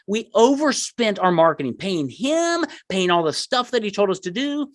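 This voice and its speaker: A middle-aged man chatting as a podcast guest, with very lively pitch swings. His delivery is emphatic and self-deprecating, and the sound is dry and close. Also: moderate pace, dry recording. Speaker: podcast guest, marketing entrepreneur. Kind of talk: conversational interview storytelling.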